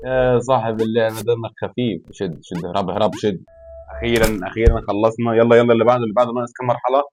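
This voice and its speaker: Young man, Egyptian accent, fast talker, let's play commentary, excitable outbursts. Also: medium pitch. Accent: Egyptian Arabic. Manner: excitable, talks to himself and the game, yells in frustration. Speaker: gaming YouTuber.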